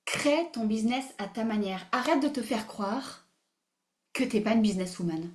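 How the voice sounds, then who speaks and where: A woman hosting a live online masterclass, animated and emphatic, repeating phrases, mixing in English words and laughing often. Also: on the high side, normal speed. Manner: mixes English words into her speech. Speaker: masterclass host. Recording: roomy echo.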